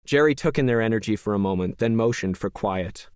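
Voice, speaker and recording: Measured male audiobook narrator. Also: lowish voice, smooth, dry recording, clean studio sound. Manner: measured, even storytelling. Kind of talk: scripted first-person narration.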